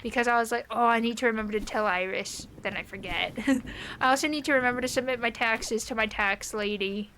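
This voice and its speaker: A woman's voice: on the high side, fairly even intonation, a little fast, bright, forceful tone, a little hiss or hum. A young woman streaming from home, chatting with her live audience in a rambling, casual way with lots of fillers. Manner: chatty and rambling, many "like" fillers, light laughs.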